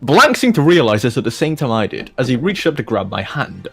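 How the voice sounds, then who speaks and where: With a medium-pitched, fairly bright voice that's creaky with a breathy edge, a man reads fan fiction a little fast and very animatedly for his video. The host keeps it jokey, breaking off to laugh and add casual asides over soft background music.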